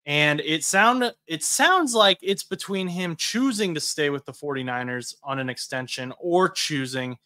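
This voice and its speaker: A man's voice: mid-range voice, sharp tone. A man co-hosting a sports podcast, chatting casually about football news with frequent fillers and restarts. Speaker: podcast co-host.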